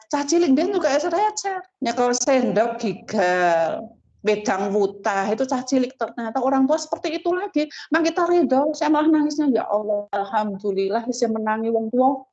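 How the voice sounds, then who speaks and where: An older woman with a Javanese accent preaches to colleagues at a school gathering. Her voice sits at a middle pitch and jumps up on the words she stresses. The sound is dull and lo-fi. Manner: mixes in Javanese phrases, animated pitch on key words. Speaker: religious study speaker. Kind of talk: sermon. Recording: dull lo-fi recording.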